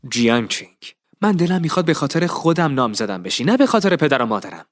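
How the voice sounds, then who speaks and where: A man voicing an earnest, calm young nobleman pleading his case with determination. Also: fairly high pitch.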